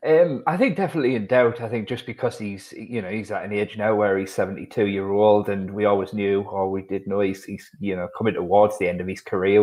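A man's voice: deep voice, darkish tone. A man with a North East England accent chatting casually as a football podcast panellist, hesitantly thinking aloud. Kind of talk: casual chat.

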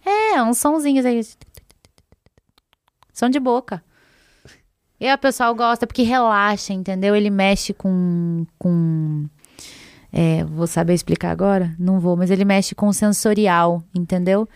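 A woman's voice: medium pitch, a little slow, a little mellow, clear, resonant tone, no echo, clean studio sound. A young woman chatting casually as a podcast guest, rambling and giggly, often cutting herself off. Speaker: podcast guest, ASMR content creator. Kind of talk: casual chat.

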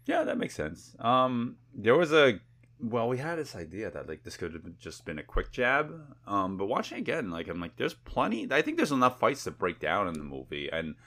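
A man with a very low, deep voice talks through a movie review in easygoing podcast chat. He rambles a little and leans on fillers like um and like as he thinks aloud. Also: normal speed. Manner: relaxed, rambling, filler-heavy. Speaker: podcast co-host. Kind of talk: casual film review chat.

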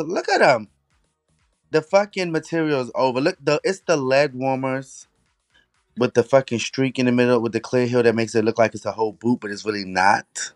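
A man's voice: medium pitch, no room sound, clean studio sound. A man co-hosting a podcast in casual chat, sassy and emphatic, with plenty of swearing. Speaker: podcast co-host.

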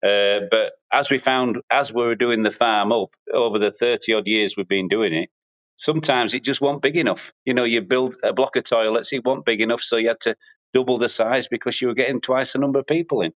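A man, a farmer talking in a relaxed, matter-of-fact way in a casual interview. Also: mid-range voice, a little fast, no room sound, rough recording. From Barnsley, England. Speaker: farmer and business owner.

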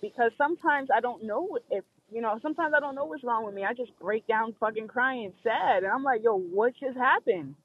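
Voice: medium pitch, a little fast, hardly any pauses, husky. A person talking over a phone call that keeps breaking up, speaking casually and openly, rambling a little and swearing now and then. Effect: heard over a phone call that keeps breaking up. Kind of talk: casual heartfelt chat. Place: driving through a wooded area. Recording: muffled, dull phone line.

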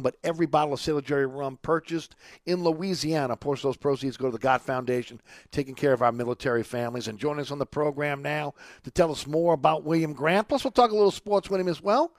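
A man's voice: mid-range voice, dry recording, clean studio sound. A man hosting a radio show, moving between sponsor reads and casual interview talk.

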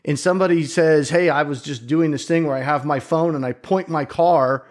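A man's voice: on the high side, moderate pace, a little mellow. A middle-aged man in a casual chat who tells stories with energy, acts out other people's reactions and swears casually.

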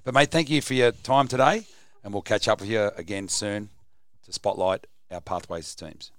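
A man's voice: on the low side, moderate pace, a bit bright, dry recording. An Australian man co-hosting a radio show, chatting about sport in a casual, matey way. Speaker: radio co-host.

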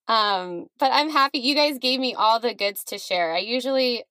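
A woman's voice: fairly high pitch, a little slow, sharp tone, dry recording. A woman hosting a podcast, chatting casually with guests and laughing easily. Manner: friendly, laughing, chatty with restarts. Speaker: podcast host. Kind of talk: casual interview chat.

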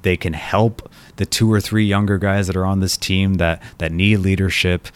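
A man from Colombia giving solo soccer commentary, thoughtful and prone to restarting his sentences. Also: low-pitched. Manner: thoughtful, frequent restarts and repeated words. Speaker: soccer writer and podcast host.

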